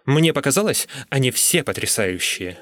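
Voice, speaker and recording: A frantic, book-obsessed young writer, put on by a male narrator, wailing in a high, strained voice. He begs and protests loudly and shrilly. The sound is dry and close. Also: sing-song, normal speed, no room sound. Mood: pleading.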